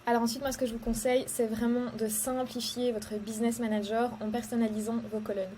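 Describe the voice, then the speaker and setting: Young Belgian woman, casual tutorial host, slightly high pitch, hesitant with fillers. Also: little pitch movement, fast talker, warm tone, a little hiss or hum. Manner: hesitant, many fillers, explains step by step. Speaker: social media ads coach. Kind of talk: casual tutorial talk to camera.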